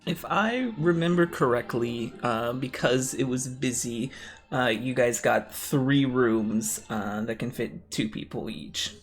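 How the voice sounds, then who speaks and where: A man acting as game master of a tabletop game, easygoing and quick to laugh. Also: mid-range voice, faint music behind. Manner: unhurried, easygoing, laughs often.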